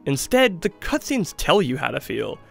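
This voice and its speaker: With a slightly high, sing-song voice marked by vocal fry, a video essayist in his 20s delivers scripted commentary at a moderate pace, emphatic but conversational. The setting is a small studio with acoustic foam, using a studio mic, and music plays in the background.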